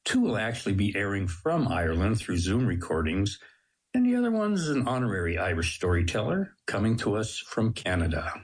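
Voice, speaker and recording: A man's voice: fairly low pitch, wildly swooping pitch, brisk, slightly rough. An American man hosting a radio show with polished, dramatic presenter phrasing. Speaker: radio guest host. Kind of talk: scripted radio introduction and interview.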